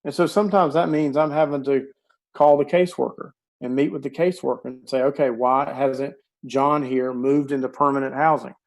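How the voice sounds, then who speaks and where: The man, in his forties and losing his voice, is a video call guest explaining practical steps with earnest care over an earbud headset mic. His mid-range voice holds a steady tone and runs a little fast, and the recording is rough.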